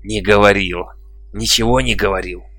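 Cackling cruel old shaman, low voice, dry close sound, read by a man. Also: level tone, normal speed, a bit bright, no echo, lightly acted. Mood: mocking. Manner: cackling, taunting. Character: old mocking male shaman, gloating and cruel.

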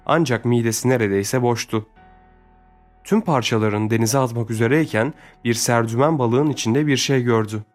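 A man narrating an adventure novel in a steady storytelling manner. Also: medium pitch, moderate pace, soft background music. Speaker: audiobook narrator. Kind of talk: scripted narration.

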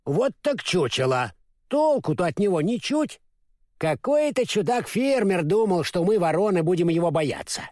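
Man voicing a hoarse, cheeky storybook crow, scornful, dry close sound. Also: sits high, very animated, moderate pace, a little mellow, no echo. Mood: mocking. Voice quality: hoarse croak. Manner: mocking, brash. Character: cheeky scruffy crow, female, mocking. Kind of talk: storybook reading.

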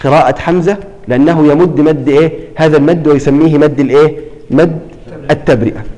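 A man with a fairly high voice teaches a recitation class. He quizzes his students and repeats each term, and he stretches words out slowly when he shows how they are read. His voice rings with a long hall reverb. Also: fairly even intonation, dark tone, highs cut off. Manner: prompts students with questions, repeats key terms. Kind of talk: classroom lesson on tajweed.

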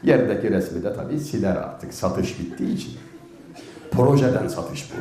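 A man's voice: normal speed, echoey room. A man telling humorous anecdotes in a religious talk, acting out the characters with big swings of voice. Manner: animated, swings pitch up and down to act out each character. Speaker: storyteller giving a religious talk. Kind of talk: storytelling talk with acted quotes.

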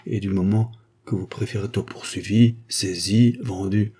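A man voicing an earnest, kindly older gentleman who gently lectures a young woman in a story reading. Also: fairly low pitch, fairly even intonation, unhurried, slightly rough. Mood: grave. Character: kindly grave older gentleman, a tax collector.

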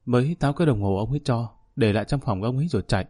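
A man voicing a sad young runaway son who quietly tells of his hardships in an audiobook story. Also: mid-range voice, very fast, breathy edge, no room sound, clean studio sound, natural voice.

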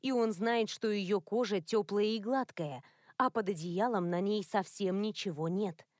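A woman's voice: medium pitch, dry recording, studio quality. Woman narrating an audiobook. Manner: measured, expressive reading. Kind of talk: scripted narration.

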